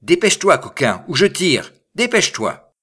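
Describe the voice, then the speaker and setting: A man reading aloud and voicing a blustering village mayor who speaks gruffly and gives orders. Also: lowish voice, sing-song, moderate pace, a bit bright, heavily acted. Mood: threatening. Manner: gruff, commanding. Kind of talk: audiobook reading.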